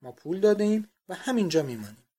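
A man's voice: high-pitched, big pitch swings, mellow, pitched above the performer's own voice. A man reading the part of a timid older lodger who protests with earnest politeness. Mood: prim. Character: timid older male lodger, suddenly gallant.

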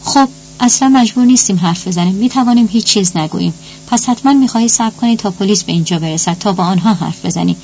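A woman's voice: mid-range voice, a little mellow, dull audio, slight background noise, close to an everyday voice. A woman voicing a frightened mother who pleads and coaxes to save her daughter. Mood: coaxing. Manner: pleading, trembling.

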